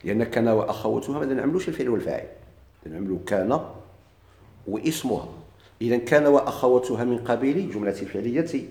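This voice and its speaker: Fast-talking Moroccan grammar teacher. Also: male voice, mid-range voice, lively intonation, darkish tone. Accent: Moroccan Arabic. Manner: asks questions and answers them himself. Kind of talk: classroom lecture. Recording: echoey room.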